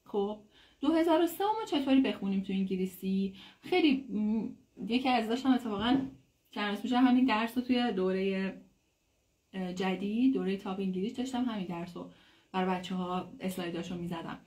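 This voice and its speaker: A woman who speaks Persian natively, giving a casual English lesson, explaining in a chatty way and saying English phrases slowly and clearly. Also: medium pitch, darkish tone. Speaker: English teacher. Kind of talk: casual online language lesson.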